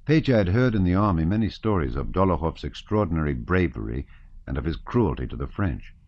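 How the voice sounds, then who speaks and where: A man narrating an audiobook in an expressive, varied reading, in a dull lo-fi recording. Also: low voice, brisk. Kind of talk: scripted narration.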